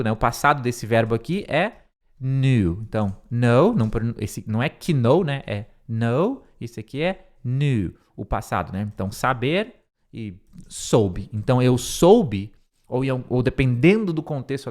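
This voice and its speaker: A young man, teaching English line by line, repeating words slowly, with many fillers. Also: medium pitch, expressive.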